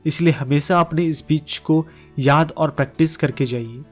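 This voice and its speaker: Male narrator, scripted explainer read, steady delivery, slightly high voice, soft music bed. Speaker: audiobook summary narrator. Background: faint background music.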